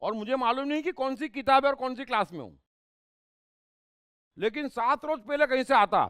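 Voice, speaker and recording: A man, a spiritual speaker and life coach, gives an emphatic discourse full of rhetorical questions and sharp asides. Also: very high voice, expressive, moderate pace, clear, resonant tone, dry recording.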